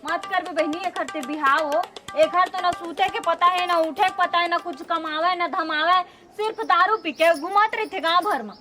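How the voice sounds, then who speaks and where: A woman's voice: very high voice, normal speed. A woman with a Chhattisgarhi accent playing an exasperated, sarcastic village sister-in-law who nags in a broad comedy skit. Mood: fed up, scolding. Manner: nagging, sarcastic. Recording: loud music behind dialogue.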